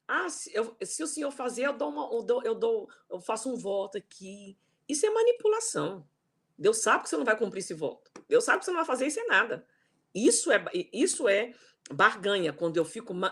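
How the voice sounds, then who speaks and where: Older woman pastor, husky voice, earnest repetitive preaching on a video call. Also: mid-range voice, fairly bright tone. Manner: emphatic, repeats words, asks "né?" and "tá?". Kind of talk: online sermon teaching.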